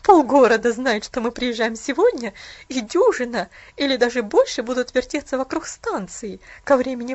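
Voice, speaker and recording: A woman's voice: high-pitched, dull audio. A woman reading as a stern, bitter aunt. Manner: sharp, clipped, commanding. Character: stern bitter middle-aged aunt in mourning.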